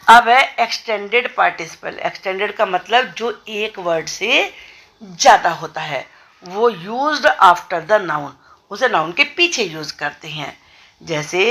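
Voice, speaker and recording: A woman from India gives a grammar lesson at a very unhurried pace. Her voice is bright and clear, and she works through one example after another, repeating key words as she goes. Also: mid-range voice. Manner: slow, deliberate explaining with repeated examples. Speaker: English grammar teacher. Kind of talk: grammar lesson explained in Hindi.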